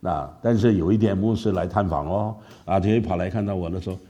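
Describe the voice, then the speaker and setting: A man from Malaysia with a Malaysian Mandarin accent, telling a lively story as a preacher and often asking listeners "right?". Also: low voice, fast. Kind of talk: storytelling sermon.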